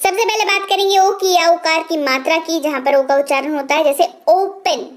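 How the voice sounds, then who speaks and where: A woman with a very high voice teaches English pronunciation. She says each word slowly, repeats it, then explains what it means. She keeps checking in with the viewer through rhetorical questions. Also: steady tone. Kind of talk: explanatory spoken lesson.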